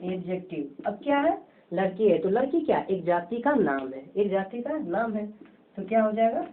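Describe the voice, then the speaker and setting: A woman's voice: mid-range voice, sing-song, normal speed. A woman teaching a grammar lesson, who keeps asking questions and answering them herself in a repetitive, drilling way. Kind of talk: home-tuition grammar lesson. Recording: tinny phone-like lo-fi audio.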